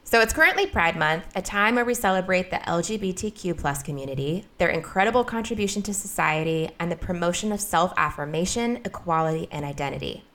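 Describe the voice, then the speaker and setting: A woman's voice: on the low side, expressive, a little fast, few pauses, a bit bright. A woman moderating a panel, upbeat and encouraging as she introduces questions.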